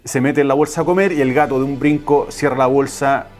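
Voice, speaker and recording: A man's voice: mid-range voice, steady tone, fairly quick, a little mellow, soft background music. A man, a teacher, telling a fairy tale in a chatty, casual way, correcting himself and adding wry asides. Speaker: teacher and storyteller.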